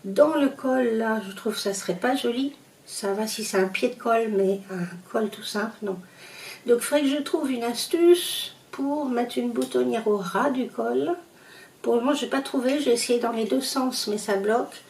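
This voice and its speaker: Woman, Parisian accent, mellow slightly high voice, roomy echo, a little off-mic, chatty and hesitant. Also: normal speed, vocal fry, distant mic. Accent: Parisian French. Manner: chatty, hesitant with many fillers. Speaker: sewing vlogger. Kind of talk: casual show-and-tell vlog.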